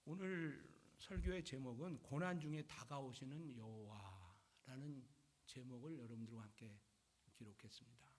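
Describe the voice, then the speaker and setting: A male pastor preaching a sermon in an animated, conversational way. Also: medium pitch, moderate pace, breathy edge.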